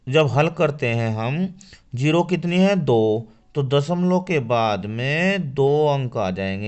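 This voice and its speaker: A man's voice: medium pitch, darkish tone, clear, resonant tone, highs cut off. A man teaching a school maths lesson to children. He asks questions and answers them himself. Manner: addresses children directly.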